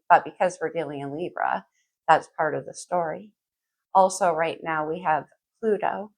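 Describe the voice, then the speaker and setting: Deep, gravelly and slightly rough, this woman's voice belongs to an astrologer doing a relaxed tarot reading. She muses aloud in a conversational way, talking straight to the listener, her speech slightly muffled.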